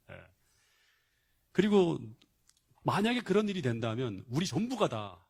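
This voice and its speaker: A man's voice: mid-range voice, a little mellow. A male pastor giving a sermon, retelling a Bible story emphatically with rhetorical questions and frequent interjections of "yes".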